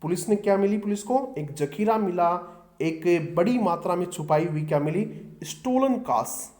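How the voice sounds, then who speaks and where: A man's voice: high voice, lively intonation, moderate pace, a little mellow. A middle-aged man teaching exam vocabulary, often asking his students a question and then answering it himself. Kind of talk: exam-prep vocabulary lesson.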